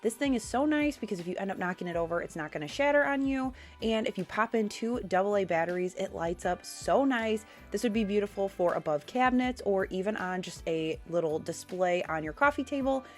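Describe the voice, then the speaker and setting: A woman's voice: medium pitch, animated, a little fast, few pauses, soft background music. A woman in a casual tutorial vlog, chatty and upbeat, explaining how she makes her holiday decor step by step. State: nasal from a cold. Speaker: DIY home decor creator. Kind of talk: casual DIY tutorial narration.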